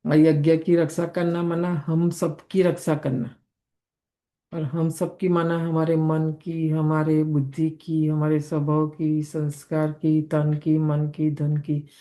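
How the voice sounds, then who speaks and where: A woman's voice: low voice, monotone, slow pace, dark tone. A woman teaching a daily spiritual lesson in a conversational way, often checking in with her listeners. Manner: conversational, keeps asking listeners "isn't it?".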